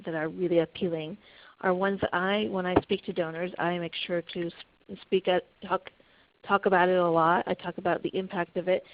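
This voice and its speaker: A woman camp director telling a heartfelt story in a webinar, earnest and full of restarts. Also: on the low side. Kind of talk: webinar talk. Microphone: conference call. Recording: muffled conference call audio.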